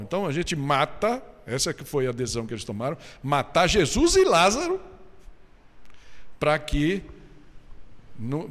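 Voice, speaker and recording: A man with a Brazilian Portuguese accent preaching a sermon as a pastor, speaking in a conversational way and often checking in with the congregation. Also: medium pitch. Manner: conversational preaching with frequent tag questions. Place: church hall. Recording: long hall reverb.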